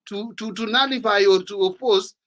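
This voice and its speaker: A Kenyan man hosting a casual panel talk, animated and mixing English with Swahili. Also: high-pitched, moderate pace. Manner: animated, switches between English and Swahili, mimics others. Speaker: talk show host.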